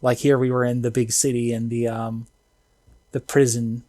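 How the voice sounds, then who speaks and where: A man chatting casually about an anime episode, excitable and slangy, full of fillers. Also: medium pitch, normal speed, dry recording. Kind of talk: casual anime review chat.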